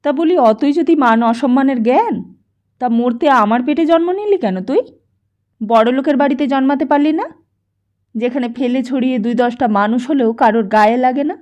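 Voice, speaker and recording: A woman voicing a weary, bitter poor mother who scolds her son in a nagging, sharp, raised voice, in a dull lo-fi audiobook recording. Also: high-pitched, expressive, unhurried, pauses often. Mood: scolding. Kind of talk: audiobook character voice.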